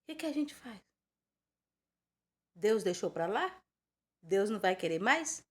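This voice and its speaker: A woman's voice: medium pitch, big pitch swings, measured pace. A woman in her twenties or thirties from Brazil giving an informal Bible teaching, chatty and rambling, full of rhetorical questions. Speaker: preacher.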